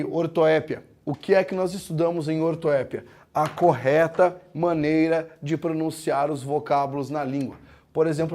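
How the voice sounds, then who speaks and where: A man teaching a grammar lesson, explaining step by step, asking the class questions, and slowing down to break words into syllables. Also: on the high side, darkish tone. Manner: slows down to spell out words syllable by syllable. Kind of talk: classroom lecture.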